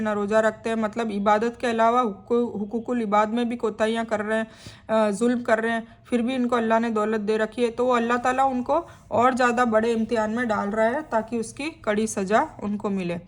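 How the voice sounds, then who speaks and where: A woman reading a scripture translation aloud and then explaining each passage in plain, conversational words. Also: a little high. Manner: adds friendly check-ins to the listener. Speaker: Quran translation teacher.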